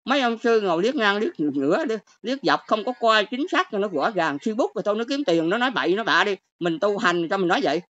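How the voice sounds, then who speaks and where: An older woman with a Southern Vietnamese accent, hosting a livestream rant. She talks quickly and scolds her viewers with one exclamation after another. The audio is dull and lo-fi. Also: mid-range voice, animated, fairly bright tone.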